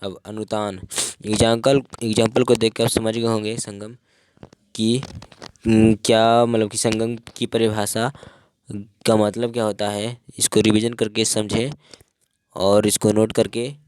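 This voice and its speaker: A man's voice: lowish voice, flat delivery, measured pace, a little mellow, a little hiss or hum. A male teacher giving a grammar lesson, saying each phrase twice as if for dictation.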